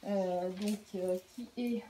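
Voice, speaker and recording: In a casual vlog, a middle-aged woman shows off the craft supplies she has bought, chatting hesitantly with lots of fillers and restarts as she demonstrates each product. Her voice is medium-pitched, warm, slow and fairly even. Faint background noise and clicks can be heard.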